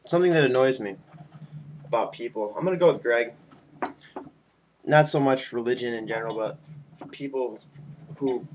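Pausing often at a normal pace, a mid-range male voice belongs to a video blogger in his twenties who's a bit drunk on beer and rambling casually to friends. It's a homemade vlog shot in a small room at home, the webcam mic at arm's length with faint noise.

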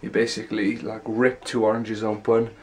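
With a fairly low, darkish voice and a level tone at normal speed, a young man rambles through a casual home vlog in loose run-on sentences. He's congested and has a sore throat, recording handheld at arm's length in small indoor rooms, and a little hiss or hum is audible.

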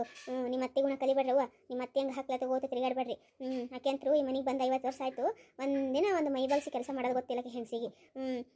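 A woman's voice: sits high, dark tone, close to an everyday voice. A woman voicing a fussy, bossy old grandmother with a North Karnataka Kannada accent, scolding and grumbling.

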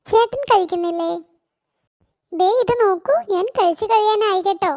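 A woman's voice: very high-pitched, moderate pace, a little mellow. A woman voicing a sweet, affectionate young wife in a cartoon who coaxes her husband. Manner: sweet, coaxing. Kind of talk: cartoon voice acting.

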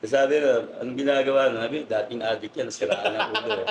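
A man guest telling animated, laughing anecdotes in a casual interview, polite and respectful to his host. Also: mid-range voice, fast, vocal fry, crowd noise, low-quality recording. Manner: polite, says "po" and "sir". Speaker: guest pigeon racer.

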